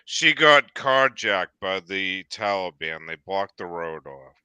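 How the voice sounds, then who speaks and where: Lowish, very bright, hesitant man. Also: lively intonation, takes it slowly, clean tone, no echo. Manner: hesitant, rambling, searching for words. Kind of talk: casual political discussion.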